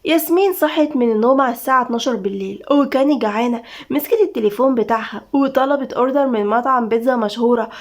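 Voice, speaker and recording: Brisk, high-voiced Egyptian storyteller woman. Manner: brisk, dramatic reading. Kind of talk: audio story narration.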